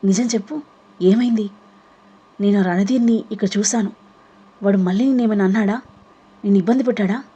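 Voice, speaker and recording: A woman's voice: medium pitch, fairly even intonation, fairly quick, dark tone, breathy edge, dull audio, lightly acted. A woman voicing a worried young woman asking anxious questions in an audio novel reading.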